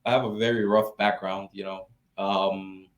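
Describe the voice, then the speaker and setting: A young man from Florida in his twenties, talking casually as a guest in a live Q&A, relaxed and full of "you know" and restarts. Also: sits low, normal speed. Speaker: guest, real estate investor.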